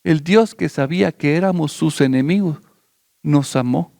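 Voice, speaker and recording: A man preaching a sermon as pastor, repeating phrases in a fervent cadence, then praying in slow, pleading words. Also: fairly high pitch, vocal fry, warm tone, no room sound, clean studio sound. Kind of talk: sermon turning into prayer.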